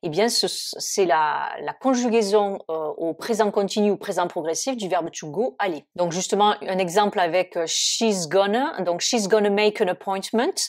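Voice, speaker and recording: Woman, English teacher, online lesson, patient explanations, frequent fillers, mid-pitched voice.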